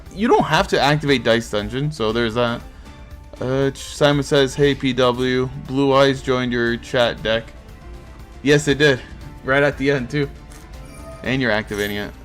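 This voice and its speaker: A laid-back male streamer with a Portuguese accent and medium-pitched voice runs a card game tournament. He chats casually, reading and reacting to viewer comments as they come in.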